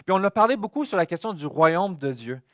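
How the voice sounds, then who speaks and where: A male pastor delivers a sermon. He has a fairly high voice and an earnest style, dropping to hushed warnings and then rising to emphatic declarations. The close mic is dry, with little room sound. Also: lively intonation, a little fast, no echo.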